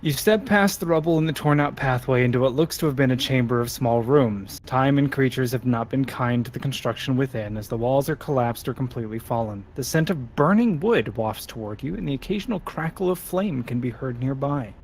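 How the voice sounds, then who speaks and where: A man running a tabletop role-playing game as game master, reading scene descriptions in a measured way between casual table talk. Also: medium pitch, expressive, slight background noise.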